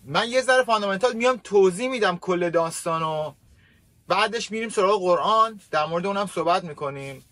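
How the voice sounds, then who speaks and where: A man with a high-pitched voice explains his views in a measured way and stumbles briefly over fillers before getting going. The recording is dry and close. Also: fairly bright tone, dry recording. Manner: measured, hesitant starts with fillers. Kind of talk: explanatory talk.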